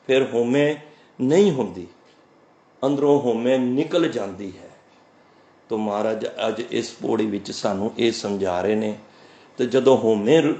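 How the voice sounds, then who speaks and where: A man giving a sermon on scripture. He recites the verses slowly, then explains them and answers his own questions. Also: mid-range voice, dark tone, reverberant. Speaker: Sikh preacher. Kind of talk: scripture exposition.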